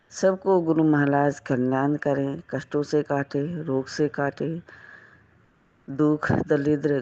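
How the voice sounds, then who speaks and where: A woman giving a slow, reverent devotional satsang talk. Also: deep voice, darkish tone. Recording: dull lo-fi audio.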